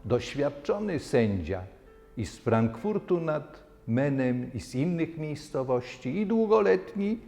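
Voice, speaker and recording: A man reciting theatrically and deliberately, phrase by phrase, in a drama. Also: on the high side, very animated, creaky, dark tone, exaggerated voice. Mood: musing. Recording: long hall reverb, faint music.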